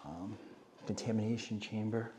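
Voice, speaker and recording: A man's voice: lowish voice, steady tone, moderate pace, a crowd in the background. A man casually narrating as he walks through an abandoned hospital, pointing things out with many fillers. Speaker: urban explorer vlogger. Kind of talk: walkthrough narration.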